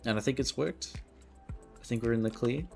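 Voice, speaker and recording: A man's voice: medium pitch, moderate pace, creaky, darkish tone, faint music behind. A male streamer chatting casually while he plays, laid-back and self-mocking. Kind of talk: casual chat while playing a game.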